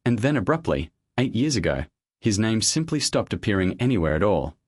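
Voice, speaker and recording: A man reading a scripted story aloud in a measured, even storytelling manner. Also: on the low side, breathy edge, no echo. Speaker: narrator.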